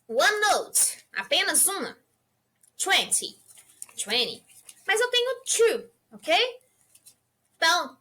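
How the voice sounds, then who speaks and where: A woman's voice: high-pitched, sharp tone. A woman from Brazil teaching an English lesson to beginners, patiently checking in with her students all the time. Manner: patient, checks in with the class constantly.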